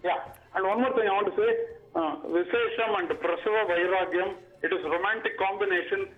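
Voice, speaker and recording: A man calling in to a radio show over a clipped phone line, chatting eagerly in quick bursts. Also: high voice, soft background music. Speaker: radio caller. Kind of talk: casual call-in chat. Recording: tinny phone line from far off.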